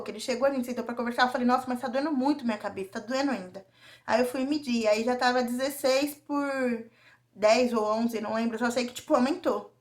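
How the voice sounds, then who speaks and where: A young woman with a Brazilian Portuguese accent tells her viewers a personal story in a confiding vlog, often turning to address them directly. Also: fairly high pitch. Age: young adult. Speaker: vlogger.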